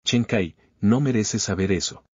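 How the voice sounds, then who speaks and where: A man's voice: fairly low pitch, unhurried, slightly rough, dry recording. A man voicing a smug, powerful young cultivator who speaks curtly and dismissively. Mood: cool. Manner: cool, curt and dismissive. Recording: slightly dull lo-fi recording.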